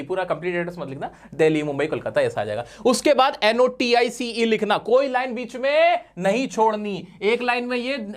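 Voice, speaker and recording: A man teaching an exam lesson in an animated, coaxing way, full of rhetorical questions and playful teasing. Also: high-pitched. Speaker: English teacher. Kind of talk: classroom-style exam lesson.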